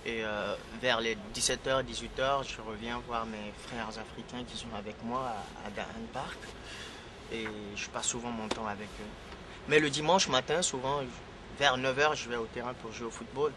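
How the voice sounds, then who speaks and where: Over the sound of traffic, a singer from Guinea with Fula as his first language chats casually with an interviewer. His voice is medium-pitched and his tone steady at a moderate pace, yet he sounds hesitant, repeating words and frequently saying "tu vois."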